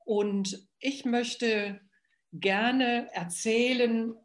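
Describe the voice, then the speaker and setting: A woman in her seventies from Hesse, telling her own life story in an unhurried way, with pauses and fillers. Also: a little high, fairly even intonation. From Hesse, Germany. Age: 70s. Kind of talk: personal storytelling.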